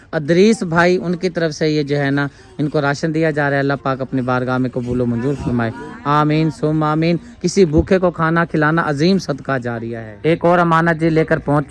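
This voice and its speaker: A man vlogging a charity handout, speaking casually and earnestly with frequent blessings and fervent appeals. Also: fairly high pitch. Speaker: charity vlogger handing out food aid. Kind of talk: casual vlog narration with prayers and appeals.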